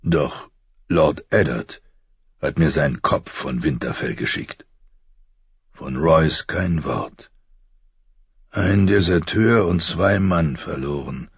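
Guy doing a grumbly old commander, super deep, slow, husky. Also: no room sound, lo-fi sound, exaggerated voice. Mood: grave. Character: old gruff military commander, stern and weary.

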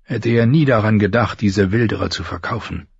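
A gruff old commander barks his orders in a low growl, as a male audiobook reader puts him on. The voice is deep and husky. The recording is dry and a little dull. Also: moderate pace, no echo. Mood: grave. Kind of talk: audiobook reading.

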